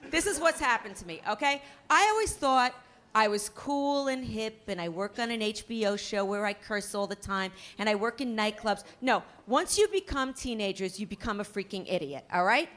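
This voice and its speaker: A woman's voice: mid-range voice, fairly bright tone. A middle-aged woman doing a stand-up comedy routine, ranting in a brash, profane, self-mocking way.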